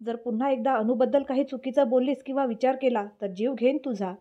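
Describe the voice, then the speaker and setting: A woman's voice: high-pitched, fairly quick, dull audio. Woman reading as a fierce protective young man. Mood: angry. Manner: stern and forceful.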